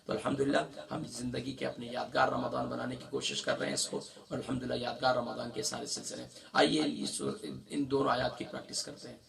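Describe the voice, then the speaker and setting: Man teaching Quran recitation, gravelly voice. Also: medium pitch, big pitch swings, fairly bright tone, far from the mic. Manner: drawn-out syllable-by-syllable recitation mixed with quick explanation. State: sore throat. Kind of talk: Quran tajweed lesson.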